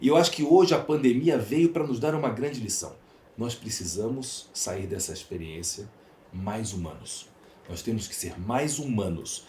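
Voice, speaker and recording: Speaking as a podcast guest, a Brazilian-accented man uses a fairly low, mellow voice with lively intonation and a moderate pace. His conversational answers are emphatic, with phrases repeated for stress, and the recording has a roomy echo and clear background noise.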